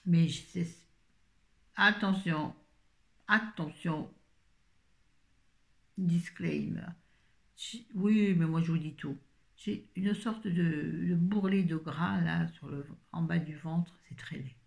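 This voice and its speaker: A woman's voice: lowish voice, takes it slowly, creaky, pauses often. A woman in her fifties chatting casually through a grocery haul, rambling with self-mocking asides. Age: 50s. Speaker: vlogger.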